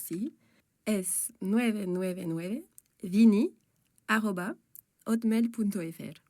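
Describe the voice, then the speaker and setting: An actress playing a young French waitress in a scripted textbook dialogue, giving plain, clear answers and spelling things out. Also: female voice, medium pitch, takes it slowly, a little mellow, no room sound, clean studio sound, lightly acted.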